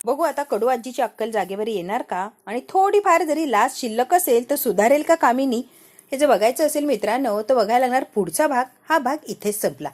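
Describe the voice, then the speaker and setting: A woman retells a family television serial as a lively story, slipping into each character's lines as she goes. Her voice sits a little above the usual range for a woman. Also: fairly high pitch, brisk. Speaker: serial recap narrator. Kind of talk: storytelling recap narration.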